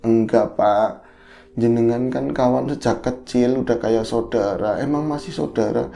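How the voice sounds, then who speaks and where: A man voicing a grown daughter who gently pleads with her father. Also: medium pitch, measured pace, creaky, soft background music. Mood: pleading. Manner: soft pleading.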